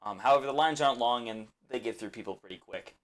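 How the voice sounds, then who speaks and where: A man narrating a tabletop game as game master, relaxed and full of ums. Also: mid-range voice, fast talker, a little hiss or hum. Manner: relaxed, filler-heavy narration with frequent ums.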